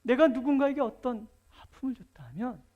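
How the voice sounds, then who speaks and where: Woman pastor, middle-aged, lively swooping pitch, colloquial sermon, loud emphasis then hushed asides. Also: fairly quick, muffled recording. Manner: swings from loud emphatic lines to near-whispered asides; colloquial, storytelling preaching.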